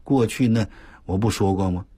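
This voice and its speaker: An older man on the radio telling a story in a folksy, animated way, full of exclamations and drawn-out emphasis. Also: lowish voice, husky, no room sound. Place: radio studio.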